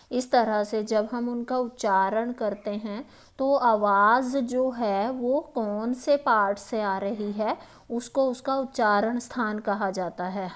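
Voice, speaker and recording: A woman with a Himachali Hindi accent teaches exam grammar in a patient, unhurried way, often pausing and checking that the listener is following. Her voice sits a little high, and she takes her time over each point. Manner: patient, repeats "ठीक है" and "है ना", many hesitations. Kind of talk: explaining Hindi grammar questions.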